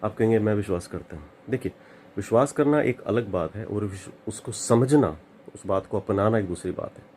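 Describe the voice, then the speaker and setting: A man's voice: lowish voice, normal speed, darkish tone, slight background noise. A man preaching an earnest sermon as a pastor, repeating phrases and slipping into English now and then.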